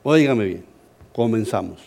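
A middle-aged Colombian man, a pastor, preaching a sermon as an animated, humorous story. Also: fairly low pitch, moderate pace, vocal fry. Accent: Colombian Spanish.

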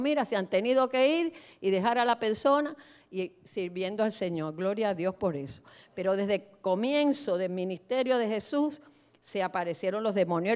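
A middle-aged woman pastor preaching a sermon in a church, emphatic, moving between soft asides and loud declarations. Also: a little high, smooth.

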